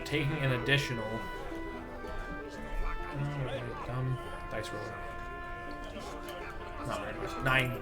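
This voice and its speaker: A man acting as game master, narrating a tabletop roleplaying game and giving rulings to players. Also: mid-range voice. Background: music.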